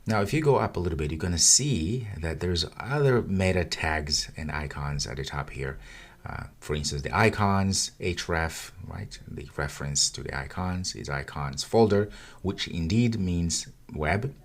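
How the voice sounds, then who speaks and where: A man giving a casual screen-recorded coding tutorial, talking through each step as he clicks around his project. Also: extremely low pitch. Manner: casual, talks while clicking through files. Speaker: coding instructor.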